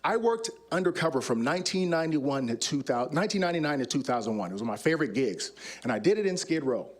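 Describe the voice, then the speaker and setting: A man's voice: on the high side, sing-song, quick pace. A middle-aged man, a former undercover officer, telling stories on stage in a demonstrative, act-it-out way. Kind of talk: animated storytelling talk on stage. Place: stage before an audience.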